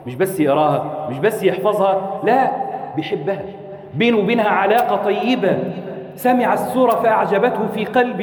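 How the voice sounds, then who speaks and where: A man preaching a sermon, speaking with passion, repeating phrases for effect and sometimes slipping into a chant. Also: high voice. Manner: impassioned, rhetorical repetition, sometimes chanting. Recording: echoey hall reverb.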